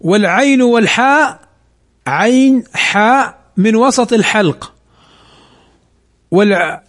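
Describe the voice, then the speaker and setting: A man teaching Quran recitation rules, asking questions and slowly drawing out recited examples. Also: extremely high pitch, lively intonation, a bit bright. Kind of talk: slow Tajweed lesson.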